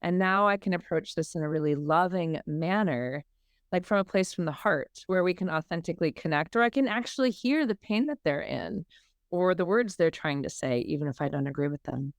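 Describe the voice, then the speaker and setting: Podcast guest: woman from Minnesota, lowish smooth voice, dry close mic, explanatory. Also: lively intonation, a little fast, no room sound. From Minnesota, USA. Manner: warm explanatory, acts out inner voices. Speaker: guest, emotional healing coach. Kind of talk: podcast interview.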